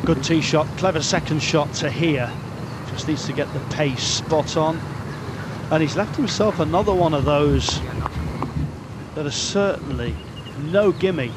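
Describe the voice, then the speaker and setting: A male golf commentator with a fairly high-pitched voice calls live play. He speaks in short, appraising phrases, often ending on a tag question, over heavy outdoor ambient noise. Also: measured pace. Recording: noisy outdoor ambience behind the voice. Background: steady outdoor course noise.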